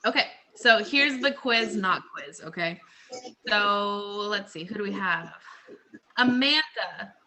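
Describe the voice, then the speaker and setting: A woman's voice: medium pitch, lively intonation, slow pace, sharp tone. A woman casually leading a group lesson over a video call, explaining with everyday examples and lots of "so" and "like". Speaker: group leader presenting a lesson. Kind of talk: casual teaching talk to a group.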